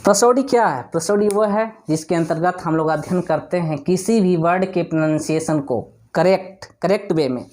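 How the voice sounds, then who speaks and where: With a high, slightly mellow voice, a man teaches English by drilling words through slow repetition. He covers spelling and pronunciation, posing questions and supplying the answers himself.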